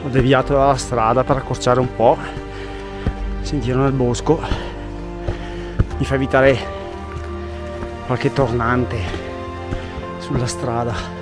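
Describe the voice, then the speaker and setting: A man's voice: mid-range voice, little pitch movement, slow pace, long pauses. A man talks his way up a mountain trail, narrating to a camera he carries as he walks, in a chatty, thinking-aloud manner. He is recorded outdoors, with faint music underneath his voice. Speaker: hiking vlogger. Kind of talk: casual hiking narration to camera. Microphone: camera carried while hiking.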